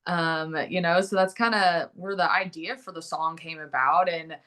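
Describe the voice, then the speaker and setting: An American woman speaks in a slightly low register. She chats casually as an interview guest, a country singer-songwriter with a sassy, giggly manner. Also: steady tone, normal speed, a bit bright.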